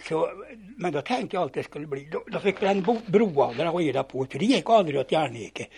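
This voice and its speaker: An older man telling lively anecdotes from his youth, acting out the dialogue and often stumbling and restarting words. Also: on the high side, vocal fry. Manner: animated yarn-spinning, acting out dialogue, repeats and restarts words. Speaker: storyteller. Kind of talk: spoken reminiscence, telling old anecdotes.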